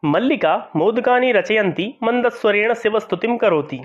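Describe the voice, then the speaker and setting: High-voiced male teacher explaining a lesson. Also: lively intonation, normal speed. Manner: explanatory, repeats phrases to make them clear. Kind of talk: school lesson explaining a play. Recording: dull lo-fi sound.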